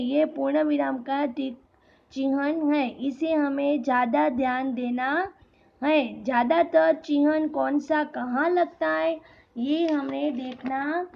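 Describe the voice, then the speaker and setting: A woman school teacher with a Gujarati accent, a native Gujarati speaker, teaching a grammar lesson slowly and deliberately, repeating each example sentence. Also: sits high, creaky, lo-fi sound.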